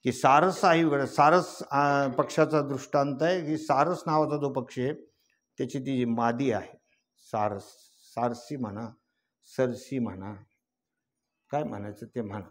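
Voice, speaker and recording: A man's voice: mid-range voice, measured pace. An older man giving a devotional kirtan sermon, teaching in a folksy way, asking rhetorical questions and rising into chanted verse. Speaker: kirtan preacher.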